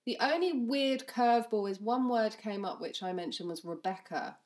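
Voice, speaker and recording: A woman co-hosting a casual ghost-hunting chat, excitable and quick to exclaim. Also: fairly high pitch. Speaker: podcast co-host. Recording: loud background noise.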